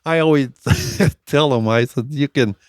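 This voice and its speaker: A man's voice: mid-range voice, unhurried, clear, resonant tone, no echo, studio quality. A man in his eighties, a gym owner, telling old stories in an interview. He rambles and keeps quoting what others said. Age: 80s. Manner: rambling, repeats "I says" while quoting others. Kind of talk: storytelling interview.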